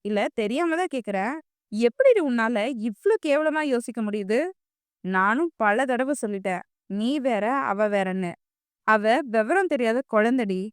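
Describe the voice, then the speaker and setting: A woman voicing a firm young man who scolds and then calmly reassures his girlfriend in an audiobook. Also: fairly high pitch, a little slow, smooth, dry recording, studio quality. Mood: scolding. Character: stern young man, impatient then soothing lover. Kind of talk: audiobook character voice.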